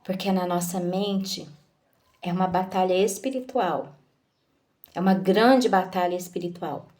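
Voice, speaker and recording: A woman giving a devotional talk, slow and measured, asking her listeners questions. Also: fairly low pitch, darkish tone.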